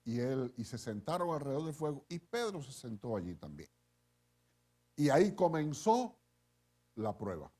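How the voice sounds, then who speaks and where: A middle-aged pastor with a medium-pitched voice preaches a sermon, retelling the story with animation. He often checks in with his listeners with a quick "eh?".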